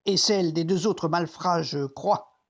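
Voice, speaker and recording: An actor playing a troubled, conscience-stricken Roman centurion, reflecting deliberately in a dramatic biblical monologue as if talking to himself. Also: medium pitch, close to an everyday voice. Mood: uneasy, self-justifying. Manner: introspective, deliberate, theatrical.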